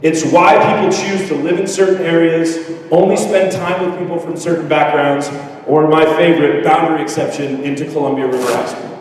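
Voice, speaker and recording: A man's voice: fairly high pitch, a little hiss or hum. A man in his thirties giving a joking, candid graduation speech as a teacher. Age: 30s. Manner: self-deprecating, candid, joking. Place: large hall, from far off. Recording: echoey hall, distant mic.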